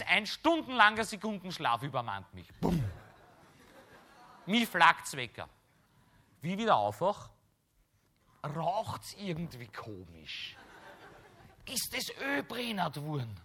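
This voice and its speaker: A man with a Viennese accent doing a stand-up comedy monologue, telling a story with lively asides and tag questions. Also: high voice. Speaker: cabaret comedian.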